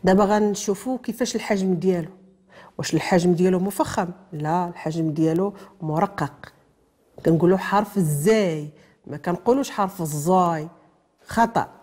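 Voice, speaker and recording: With a mid-range, darkish voice, a woman with a Moroccan accent gives a tajweed lesson on pronouncing a letter. She moves through it step by step, asks her own questions and answers them, and mixes technical terms with casual speech.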